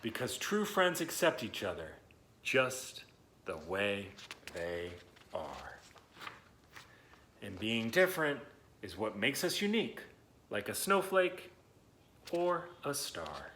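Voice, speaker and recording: In a fairly low, sing-song voice, a man hosting a children's read-aloud takes his time and pauses often, his tone sharp with a slight hiss or hum. He addresses the young viewers directly, enthusiastic and encouraging, elongating words for emphasis.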